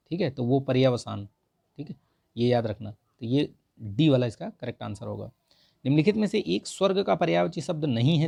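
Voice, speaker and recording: A man's voice: mid-range voice, gravelly, darkish tone, no room sound. A male teacher explains answers to an exam practice test, repeating the correct forms and saying "ठीक है" between points. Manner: repeats the right forms and says "ठीक है" often. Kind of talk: explaining a Hindi vocabulary test.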